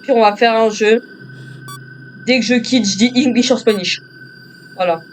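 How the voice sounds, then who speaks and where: A man's voice: extremely high pitch, fairly even intonation, moderate pace, a little hiss or hum. A male gamer doing joking commentary on a horror game, talking to himself and to viewers as he plays.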